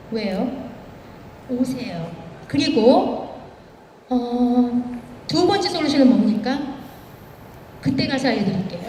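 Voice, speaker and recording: A woman's voice: sits high, warm tone, slight background noise. A woman guest speaker telling anecdotes on stage and acting out the quoted dialogue. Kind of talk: motivational stage speech with anecdotes. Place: large event hall. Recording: echoey hall, far from the mic.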